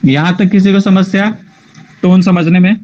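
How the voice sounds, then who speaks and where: A man's voice: high-pitched, steady tone, moderate pace, darkish tone. A man teaching an online drawing class, explaining step by step and often checking that his students follow. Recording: muffled lo-fi online class audio.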